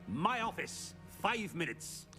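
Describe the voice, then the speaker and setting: A haughty wizard headmaster barks orders in a video game. His voice sits high and leaps wildly up and down as he waves aside objections. He is imperious and dismissive. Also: big pitch swings, slow pace, sharp tone, faint music behind, exaggerated voice. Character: haughty, demanding older male wizard headmaster. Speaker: school headmaster.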